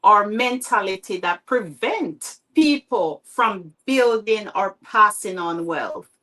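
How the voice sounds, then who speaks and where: A woman's voice: mid-range voice, lively intonation, slow, pushed and bright. A woman hosting a conversational interview, affirming and encouraging her guest. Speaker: interview host.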